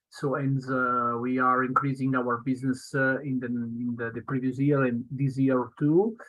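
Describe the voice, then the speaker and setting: A man from Italy with an Italian accent presents a webinar in halting, broken non-native English, as a solution engineer going through slides. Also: medium pitch, a bit bright, low-quality recording. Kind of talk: semi-scripted slide presentation.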